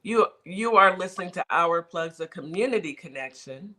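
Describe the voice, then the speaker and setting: Emphatic talk show host, bright voice. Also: mid-range voice, expressive, normal speed, slight background noise. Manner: emphatic, repeats points for weight. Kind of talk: casual radio talk show chat.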